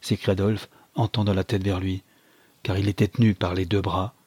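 A man reading a novel aloud in steady, dramatic audiobook narration. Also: low-pitched, moderate pace, husky, no room sound.

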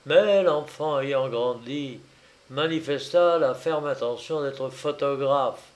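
Slow, measured male audiobook narrator. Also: medium pitch. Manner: measured, wry storytelling delivery. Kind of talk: audiobook reading of a literary story.

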